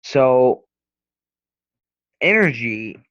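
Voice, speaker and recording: A man's voice: medium pitch, big pitch swings, extremely slow, fairly bright tone, clean tone, no room sound. A young man tutoring a physics lesson in a casual, hesitant way, rambling with many restarts and fillers. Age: young adult. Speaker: student tutor. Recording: dull, lo-fi sound.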